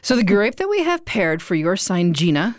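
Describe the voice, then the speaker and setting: A woman's voice: mid-range voice, big pitch swings, moderate pace, no room sound, clean studio sound. A woman co-hosting a casual wine podcast, chatty and informative, with frequent restarts. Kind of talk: casual chat.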